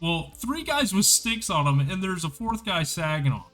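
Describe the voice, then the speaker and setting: A man's voice: high-pitched, very animated, moderate pace, fairly bright tone, faint music behind. A man hosting a casual hockey podcast on a livestream, chatty and enthusiastic, rambling as he goes. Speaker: podcast host.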